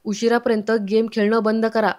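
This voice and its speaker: A woman's voice: on the high side, flat delivery, fairly quick, a little mellow, natural voice. A woman voicing a young uncle who firmly scolds the children as she retells a serial. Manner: scolding, firm.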